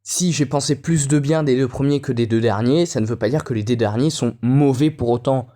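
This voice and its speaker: A man's voice: mid-range voice, a little fast, dark tone. A man casually explaining in a voice-over, plain and a little annoyed. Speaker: music reviewer.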